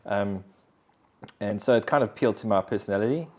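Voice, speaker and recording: A man's voice: fairly low pitch, fast, darkish tone. A man, sharing his personal faith story in an interview in an earnest, reflective way. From South Africa. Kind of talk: conversational personal testimony.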